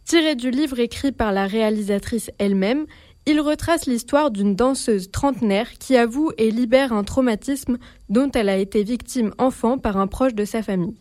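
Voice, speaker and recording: A woman's voice: a little high, normal speed, mellow, dry recording. A woman presenting the week's streaming releases as a columnist, reading steadily from a script.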